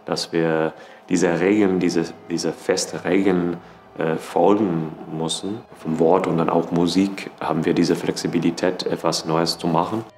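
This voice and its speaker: A man's voice: low voice, fairly even intonation, a little slow, darkish tone, faint music behind. A man from the opera cast talking enthusiastically, with slightly broken grammar. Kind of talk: interview statement.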